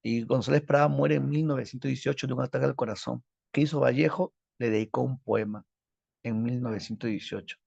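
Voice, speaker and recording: A man's voice: medium pitch, fairly even intonation, a little fast, vocal fry, darkish tone, breathy edge, dry recording. A male literature teacher, telling a dramatic story as a lecture and asking rhetorical questions. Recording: dull lo-fi dry recording.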